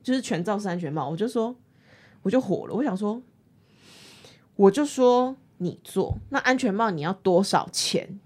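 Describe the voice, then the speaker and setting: A woman's voice: medium pitch, normal speed. A woman with a Taiwanese Mandarin accent, co-hosting a podcast and telling a story in casual chat, acting out the quarrel in voices. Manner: animated, acts out quarrels in voices. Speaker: podcast co-host.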